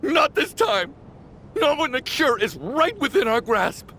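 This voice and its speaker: Voicing a grieving, stubborn, desperate middle-aged father for a video game, a man uses a very high, exaggerated and very animated voice at a slightly slow pace. His anguished pleading escalates into shouting, with faint music and slight background noise in the game audio.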